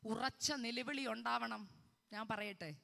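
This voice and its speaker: A woman's voice: fairly high pitch, steady tone, unhurried, gravelly, fairly bright tone. A woman preaching a sermon with fervor, crying out hallelujah and asking her listeners questions. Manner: fervent, cries hallelujah, asks the crowd many questions. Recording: long hall reverb.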